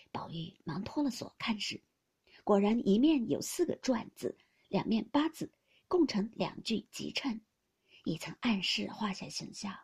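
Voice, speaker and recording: A woman narrating a classic novel in a soft, half-whispered storytelling voice. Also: a little high, breathy edge. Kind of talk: storybook reading.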